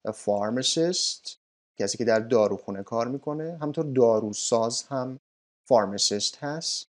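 A man giving a recorded English lesson, saying each word slowly and clearly, then explaining it quickly. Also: mid-range voice, lively intonation. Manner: slow, clearly stressed English words between quick spoken explanations. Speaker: English teacher.

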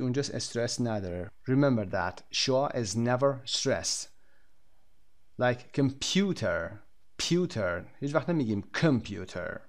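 Man, Persian accent, English teacher recording a textbook lesson, mid-range voice, careful spelled-out delivery. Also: mid-range voice. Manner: switches between explanation and slow, deliberate English model sentences.

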